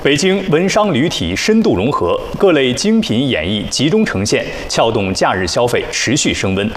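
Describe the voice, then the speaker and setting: Male Mandarin news anchor, lively intonation. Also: medium pitch, slight background noise. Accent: standard Mandarin. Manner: measured, formal delivery. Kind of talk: formal broadcast news reading.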